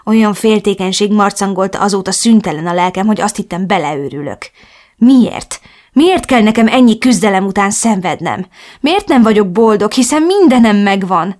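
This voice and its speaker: A woman's voice: medium pitch, lively intonation, a little mellow. A woman reading a first-person novel as an audiobook, with a melancholic and emotional storytelling manner. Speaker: audiobook narrator.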